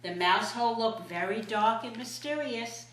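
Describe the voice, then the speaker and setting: A woman's voice: a little high, moderate pace, fairly bright tone, slight background noise. A sweet older woman, a grandmother, reading a children's storybook aloud expressively. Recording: echoey room.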